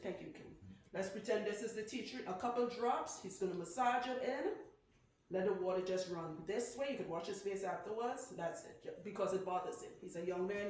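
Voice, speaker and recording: In a very echoey salon with faint noise, a Trinidadian-accented woman works as a loctician, demonstrating hair care while chatting and teasing. Her voice is lowish and a little mellow, and she peppers her talk with "right?" and "okay?".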